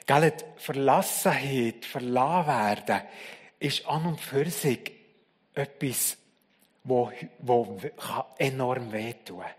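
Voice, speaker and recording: Preacher in a reverberant church. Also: male voice, medium pitch, takes it slowly, husky. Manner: dramatic storytelling, swings between loud and hushed. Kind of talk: sermon.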